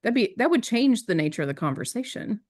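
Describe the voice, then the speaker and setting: A woman's voice: a little high, very animated, fast talker, darkish tone. A woman presenting on a wellness team, explaining communication in an earnest, teaching way and often checking in with "right?". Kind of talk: teaching discussion.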